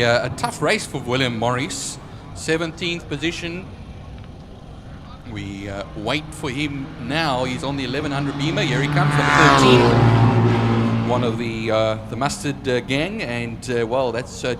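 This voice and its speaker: A man commentating live on a motorsport race, calling positions, corners and timings. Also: medium pitch. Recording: clear motorcycle noise behind voice. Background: vehicle noise.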